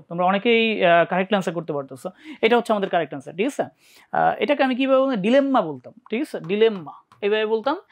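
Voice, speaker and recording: Bangladeshi tutor checking in with students. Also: medium pitch. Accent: Bangladeshi Bengali. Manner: checks in often, asks students questions. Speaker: English admission-test teacher. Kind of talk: live online class lecture.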